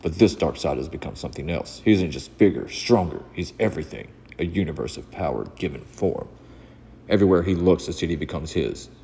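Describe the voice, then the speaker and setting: Fairly quick and animated, this deep, warm voice has a creaky, breathy edge as the man hosts a comic book channel, mixing casual vlog chat with dramatic read-along narration. The indoor room is reverberant, and background noise can be heard.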